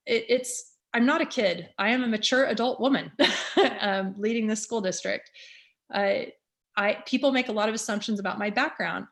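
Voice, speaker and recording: Her tone fairly bright and her pitch medium, a fifty-something school superintendent addresses a community meeting openly and earnestly. She frequently stops to say "um."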